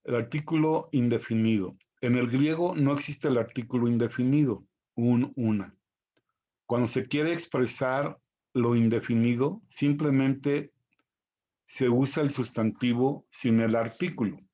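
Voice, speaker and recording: A man teaching a recorded Greek vocabulary lesson, spelling out each pronunciation slowly and carefully. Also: medium pitch, mellow, highs cut off.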